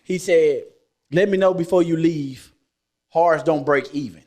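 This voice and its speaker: A man's voice: a little high, unhurried, darkish tone. A man with a Southern US accent and drawled vowels, talking casually and slangily on a podcast panel.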